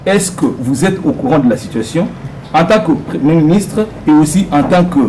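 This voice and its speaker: A man's voice: on the high side, animated, moderate pace, darkish tone, a little hiss or hum, low-quality recording. A man from Congo, a soldier, putting pointed, insistent questions to a politician at a public meeting. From Democratic Republic of the Congo.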